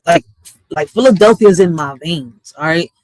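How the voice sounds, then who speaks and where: A man's voice: on the high side, animated, normal speed, darkish tone, no echo, rough recording. A man from Puerto Rico, raised in the city, talking casually on his livestream, cursing and checking "all right?" after his points. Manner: street-casual, repeats "all right?" and curses. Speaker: livestream host.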